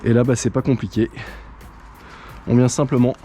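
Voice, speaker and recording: Mellow-voiced man explaining step by step. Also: medium pitch, moderate pace, faint music behind. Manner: relaxed step-by-step explaining, frequent hesitations. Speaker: channel host. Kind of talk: casual how-to tutorial.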